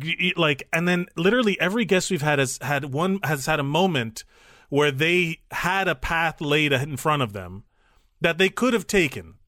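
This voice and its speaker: A man's voice: fairly high pitch, sharp tone, no echo, clean studio sound. A man co-hosting a podcast, chatting casually, reacting with laughs and casual swearing. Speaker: podcast co-host. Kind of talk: casual chat.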